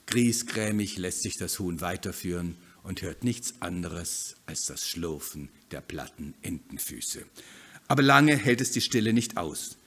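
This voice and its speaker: A man reading his own children's story aloud at a live reading event, narrating in an expressive, dramatic, playful way. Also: low-pitched, unhurried, breathy edge.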